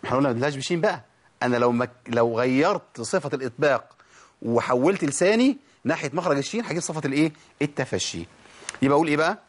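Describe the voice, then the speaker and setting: Fast-talking Egyptian Quran teacher. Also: male voice, medium pitch, expressive. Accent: Egyptian Arabic. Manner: demonstrates sounds slowly, drawn out, asks rhetorical questions. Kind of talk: tajweed lesson.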